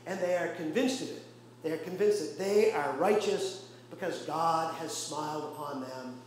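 A male pastor preaching a sermon with impassioned rhetorical questions and pauses, recorded in a church. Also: on the high side. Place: church sanctuary. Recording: very echoey church room, faint hum.

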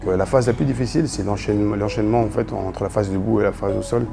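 A man with a gravelly voice, a fitness coach, speaking in a measured way in a documentary interview. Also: on the low side. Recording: music bed under the voice.

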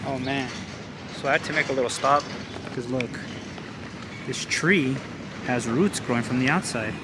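A young man from LA, working as a travel vlogger, bikes one-handed through outdoor city streets while chatting to his camera at arm's length, rambling, restarting, and using lots of fillers, a bit out of breath. He speaks in a mid-range voice at a moderate pace over loud traffic.

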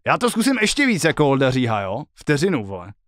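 A man's voice: mid-range voice, huge pitch swings, dry recording. A male streamer at home, chatting casually and joking with a lot of swearing while he works out a song. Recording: loud guitar music behind the voice.

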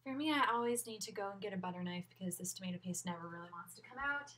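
A woman's voice: medium pitch, animated, very fast. A young woman giving a casual, upbeat cooking demonstration in a small home kitchen, moving around as she talks. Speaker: cooking instructor. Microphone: laptop webcam at a distance. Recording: loud cooking noise and clicks.

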